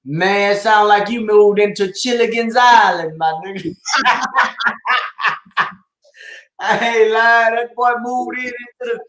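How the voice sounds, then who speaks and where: A man co-hosting a podcast, teasing his friend with loud, joking banter. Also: high-pitched, takes it slowly, long pauses, roomy sound. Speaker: podcast co-host. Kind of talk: casual banter.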